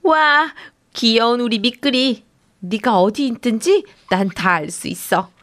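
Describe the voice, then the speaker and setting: A woman's voice: fairly high pitch, unhurried, close to an everyday voice. A woman voicing a bold, mischievous young girl who gushes and bosses others. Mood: gushing.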